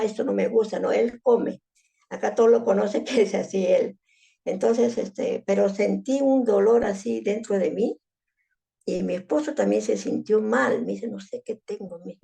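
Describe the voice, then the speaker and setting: A woman's voice: medium pitch, vocal fry, warm tone. A middle-aged woman, telling a personal story as an interviewee and often ending phrases with a questioning tag. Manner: emotional recounting, frequent "¿no?" tag.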